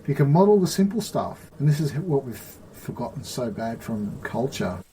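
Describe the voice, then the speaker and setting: A man with a warm, mellow tone explains his ideas earnestly in a podcast chat. He keeps checking that his listener is with him, over a faint background hiss. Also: medium pitch, very animated, moderate pace, rough recording. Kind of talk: casual conversation.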